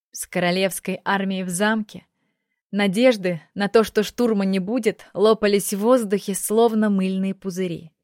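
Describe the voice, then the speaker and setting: Woman, audiobook narrator, mid voice, dry recording, steady expressive reading. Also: mid-range voice, dry recording. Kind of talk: scripted narration.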